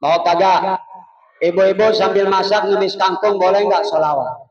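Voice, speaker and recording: A man's voice: sits high, steady tone. A male preacher giving a humorous, folksy Maulid sermon in a mosque. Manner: joking, folksy, drawn-out religious phrases. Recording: echoey, dull, distant mosque PA.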